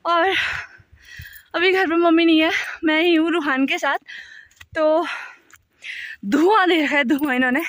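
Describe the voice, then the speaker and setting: A woman's voice: very high voice, steady tone, a little slow, pauses often, no echo, studio quality. A woman with a tired voice chatting casually in a family vlog, filmed outdoors on a handheld phone while coaxing a small child. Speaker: family vlogger. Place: outdoors at a hillside home among trees.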